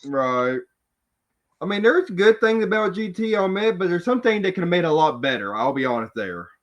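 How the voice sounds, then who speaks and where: A man's voice: high voice, sing-song, a little fast. A man hosting a casual podcast round-table, talking loosely and passing the turn to each guest. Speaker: podcast host. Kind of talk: casual group chat. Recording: lo-fi online call audio.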